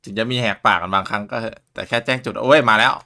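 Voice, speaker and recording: A man's voice: lowish voice, rapid-fire, gravelly, pushed and bright. A man live-streaming a watch party, chatting casually with loose, crude, joking banter.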